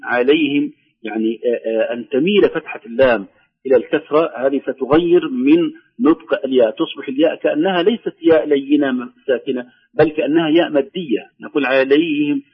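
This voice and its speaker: A man teaching the rules of Quran recitation, explaining each rule and then reciting slow, drawn-out examples. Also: mid-range voice, husky, phone-quality sound. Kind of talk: tajweed lesson with recited examples.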